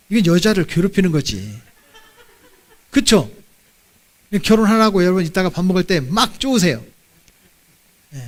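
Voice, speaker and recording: A middle-aged man preaching a sermon as pastor in a church, animated and leading the congregation in call-and-response. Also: high voice. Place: church sanctuary.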